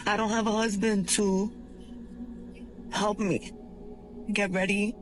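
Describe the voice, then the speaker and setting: A woman in her forties talks tearfully and candidly to the camera in a confessional vlog. Her voice sits at a middling pitch. Clear music plays over her. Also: flat delivery, slow pace. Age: 40s.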